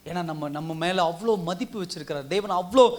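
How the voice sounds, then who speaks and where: A man's voice: high voice, fast talker. A man pastor delivering a sermon, exhorting his listeners in a repetitive preaching cadence. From India. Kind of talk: Tamil sermon.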